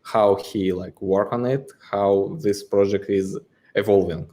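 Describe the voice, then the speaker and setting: A man whose first language is Russian, a guest and exchange co-founder, answers interview questions in a lowish, steady, mellow voice at a slightly slow pace. He hesitates and searches for words, using many fillers.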